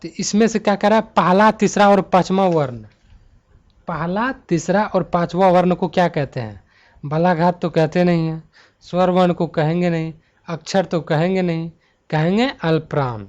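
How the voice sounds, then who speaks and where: A man teaching a Hindi grammar exam-prep lesson, talking students through multiple-choice answers and slowing down to list letters one by one. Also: high-pitched, fairly even intonation, darkish tone, muffled recording. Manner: slows to spell out letter lists one by one.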